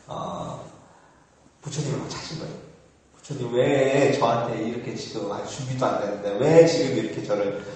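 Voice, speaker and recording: A man, a monk, giving an informal Buddhist dharma talk, conversational with frequent fillers and laughter. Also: fairly high pitch. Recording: very echoey, far from the mic.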